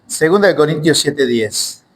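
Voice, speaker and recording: Preacher, male, high-pitched voice, emphatic sermon delivery with rhetorical questions. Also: expressive, moderate pace, low-quality recording. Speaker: Bible teacher.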